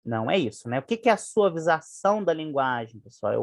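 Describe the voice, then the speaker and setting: A woman's voice: low-pitched, sing-song, fast, no room sound, studio quality. A woman with a Brazilian Portuguese accent explaining exam questions as a teacher, chatty and checking in with her listeners often. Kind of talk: exam answer walkthrough lesson.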